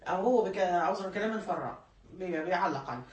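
A woman's voice: on the low side, animated, fast talker, darkish tone, roomy sound, distant mic. A woman with an Egyptian Arabic accent, teaching a classroom lesson and explaining patiently, repeating key points and correcting herself mid-word. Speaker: religious studies teacher. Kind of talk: classroom lecture.

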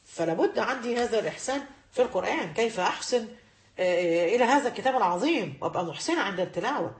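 Rapid-fire Egyptian woman teaching religion. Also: mid-range voice, animated, reverberant. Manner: emphatic, repeats key phrases. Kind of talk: religious lesson to women.

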